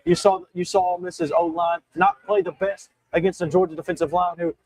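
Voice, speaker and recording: A man's voice: high-pitched, very animated, brisk, gravelly, darkish tone, rough recording. A young man hosting a solo sports talk show, talking emphatically with frequent restarts and self-corrections while he has the hiccups. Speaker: show host.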